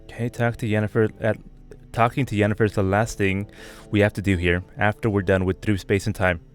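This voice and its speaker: A young man giving casual commentary on a playthrough, excitable, swearing freely and thinking aloud. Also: on the low side, fairly quick. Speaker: gamer doing a playthrough. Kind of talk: casual game commentary and reading game text aloud. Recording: voice over faint game music.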